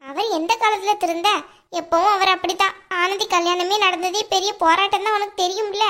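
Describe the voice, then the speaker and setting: A woman voicing a caring, chatty middle-aged aunt in a cartoon, with a southern Tamil Nadu accent and a brisk, scolding manner. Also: very high voice, steady tone, a bit bright. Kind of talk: cartoon voice acting.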